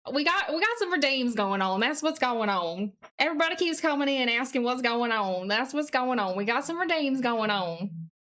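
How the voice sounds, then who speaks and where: A woman livestreamer chats casually and reads aloud in an exaggerated, put-on deep Southern US accent, playful and folksy. She's animated, at a moderate pace, with a slightly bright voice.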